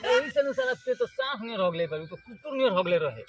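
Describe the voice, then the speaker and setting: Mocking village buddy, male actor, Bhojpuri accent, high voice, complaining and jeering, broad comedy. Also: huge pitch swings, brisk, creaky, heavy background noise, exaggerated voice. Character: mocking, cursing village buddy in a slapstick skit.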